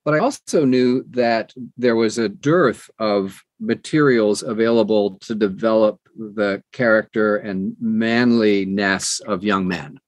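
A middle-aged or older man with a lowish voice talks slowly but with hardly any pauses, telling stories casually as an interview guest and acting out bits of dialogue. He is also an audiobook narrator. The recording is dry.

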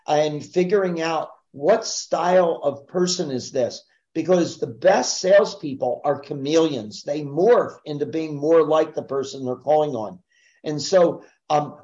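A man's voice: fairly high pitch, darkish tone. Assertive man, muffled lo-fi sound. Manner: assertive, emphatic teaching. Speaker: sales trainer guest. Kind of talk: podcast interview.

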